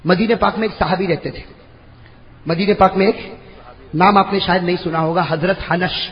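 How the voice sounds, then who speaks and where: A man preaching a storytelling sermon, repeating phrases, quizzing the audience and rising to shouts. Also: high-pitched, steady tone, lo-fi sound. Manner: repetitive, fires questions at the audience, swings into shouting. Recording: long hall reverb.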